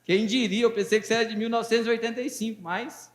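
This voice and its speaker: A man's voice: very high voice, steady tone, racing. A man in his fifties from Brazil, a pastor preaching a fervent, folksy sermon and joking with his congregation. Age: 50s. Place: church hall. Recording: echoey church hall with long reverb.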